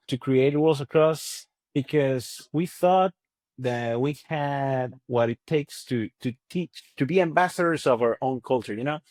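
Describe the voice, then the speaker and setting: Guesting on a podcast, a Spanish-speaking Venezuelan who heads a language company and also teaches speaks with his native accent, emphatic and conversational, frequently repeating points. His medium-pitched voice is a little mellow, with no room sound.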